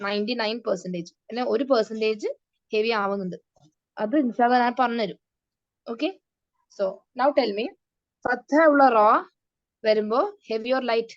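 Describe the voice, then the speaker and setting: A woman teaching children Quran recitation, patient and slow, mixing English into her talk. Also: a little high, fairly even intonation, no echo. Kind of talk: online class teaching kids. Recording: dry, dull lo-fi sound.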